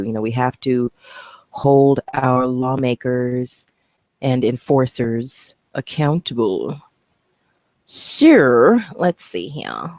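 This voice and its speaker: A woman video blogger with a very deep, mellow voice talks casually to the camera, blunt and swearing freely as she rambles into asides while clicking through her videos. The recording has no room sound.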